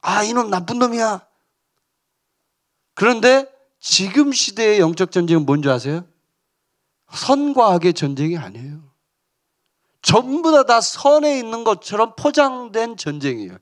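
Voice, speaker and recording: A man's voice: sits high, very animated, normal speed. A pastor preaching a sermon with emphasis, calling out to his congregation and acting out the lines he quotes.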